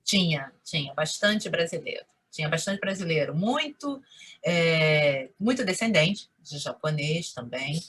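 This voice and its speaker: Bright-voiced Carioca woman, chatty storyteller. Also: deep voice, unhurried, slightly rough. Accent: Rio de Janeiro Portuguese. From Brazil. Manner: animated storytelling, frequent "né?". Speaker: interview guest. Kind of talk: conversational interview.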